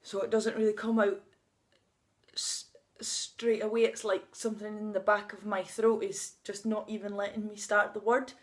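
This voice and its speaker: Speaking at a normal pace with a flat delivery, a mid-range female voice belongs to a vlogger in her thirties. She stutters, blocking on first sounds, and talks openly and emotionally, unscripted and occasionally laughing, outdoors under a sunny sky.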